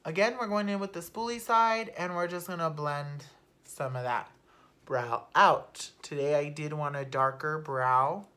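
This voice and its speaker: A young woman talking casually through her makeup routine at home, chatty and unfiltered, swearing offhandedly and sometimes dropping to a soft murmur. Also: deep voice, a little slow. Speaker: beauty vlogger. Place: at home, not in a studio.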